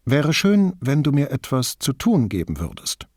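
A man's voice: medium pitch, wildly swooping pitch, normal speed, darkish tone, dry recording, studio quality, pitched above the performer's own voice. A man voicing a curious city policeman. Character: curious city-bred male police inspector. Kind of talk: audiobook character voice.

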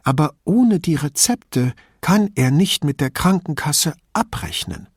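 A man voicing a frail, chatty old widow who rambles and confides in a hushed tone. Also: animated, measured pace, husky, no echo, studio quality, heavily acted. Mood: confiding. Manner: rambling, confidential, lowers voice to a whisper.

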